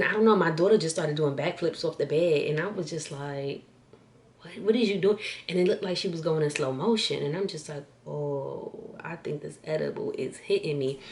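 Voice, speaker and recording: A young woman tells a story straight to her viewers, casual and slangy. Her voice sits low. She gets animated and keeps calling her audience "y'all". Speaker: vlogger.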